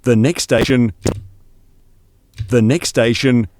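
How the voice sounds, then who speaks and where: A man's voice: mid-range voice, fairly even intonation, slow pace, a little mellow. A man reading formal train station announcements, played back as recorded clips and cut into pieces. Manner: formal, evenly paced public address reading, cut into pieces. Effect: pre-recorded announcement clips played back.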